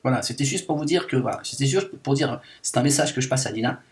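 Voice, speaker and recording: Voicing a self-declared liberated woman, a man talks fast in a lightly acted, mid-range voice. His satirical monologue is a rambling, mock-indignant rant loaded with fillers.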